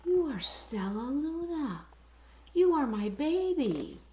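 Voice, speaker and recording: A woman reading aloud and voicing a gentle, loving mother bat with a tender, soothing manner, in a roomy space. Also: sits high, big pitch swings, slow pace, slight background noise, pitched above the performer's own voice, heavily acted. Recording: roomy echo.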